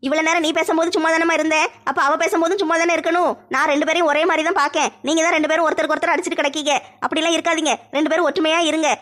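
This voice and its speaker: A woman playing a firm older mother-in-law keeping peace in a family comedy skit, brisk and scolding. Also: high-pitched, level tone, fairly bright tone.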